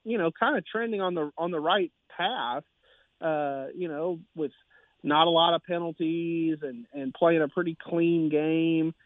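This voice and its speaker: A man, a sports writer guest, talks high school and college football in a rambling way, full of fillers and restarts. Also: a little slow, dry recording. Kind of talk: casual sports talk. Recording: tinny phone line.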